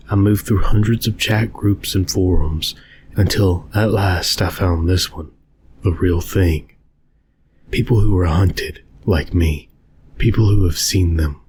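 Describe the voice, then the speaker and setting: Deep male voice, haunting and grave, measured horror story narration, hunted survivor, ambient noise behind. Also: darkish tone. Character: haunted, fearful survivor hunted by unseen beings. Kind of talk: scripted first-person scary story narration.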